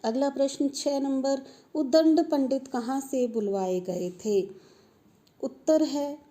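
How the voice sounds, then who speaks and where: A woman's voice: high voice, slow pace, mellow. A woman teacher patiently walking students through an exam paper, repeating key points with emphasis. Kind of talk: exam paper walkthrough lesson.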